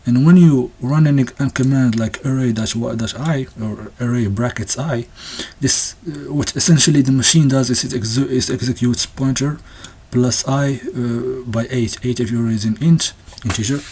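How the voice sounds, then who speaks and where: A man with a slightly husky voice talks through a textbook in a casual, unscripted way. He often stumbles and restarts his sentences, and now and then he gives a small nervous laugh as he explains. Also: mid-range voice, moderate pace, few pauses, darkish tone. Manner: hesitant, many restarts and fillers, occasional nervous laughs. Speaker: presenter discussing a textbook.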